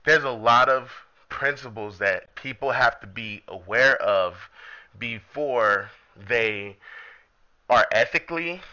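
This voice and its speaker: A man's voice: medium pitch, slow, sharp tone, lo-fi sound. A man hosting a podcast over a remote call, rambling with many fillers. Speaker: podcast host. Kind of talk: casual podcast chat. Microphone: headphones on a remote call.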